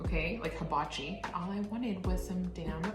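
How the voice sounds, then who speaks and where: A woman with a fairly low voice chats candidly while putting on makeup, scattering "like" through her sentences. The sound is roomy and echoey, with music playing clearly behind her. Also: normal speed. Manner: candid, chatty, lots of "like" fillers. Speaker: co-host, post-op. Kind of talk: casual chat while doing makeup. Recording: echoey room with background music.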